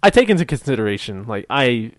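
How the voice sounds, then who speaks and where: A man co-hosts a casual podcast in a mid-range voice. He jokes and rambles freely and is quick to laugh. The mic sound is dry and close. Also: medium pitch, very animated, no echo. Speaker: podcast co-host. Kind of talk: casual chat.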